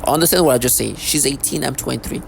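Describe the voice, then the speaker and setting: With a noisy background behind him, a thirty-something vlogger delivers an agitated, rambling and repetitive unscripted monologue to camera. He talks fast in a creaky, medium-pitched voice.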